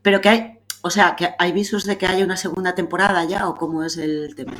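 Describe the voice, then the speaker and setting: A woman on a casual podcast panel, speaking haltingly as she searches for words. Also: on the low side, steady tone, a bit bright, slight background noise.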